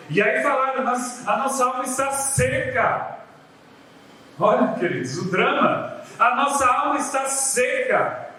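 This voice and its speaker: Brazilian man, pastor, animated sermon delivery, very reverberant church sound. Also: very high voice, a little hiss or hum. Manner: lively preaching, acts out biblical voices, calls the people "queridos". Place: church sanctuary. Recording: very echoey church hall from a distance.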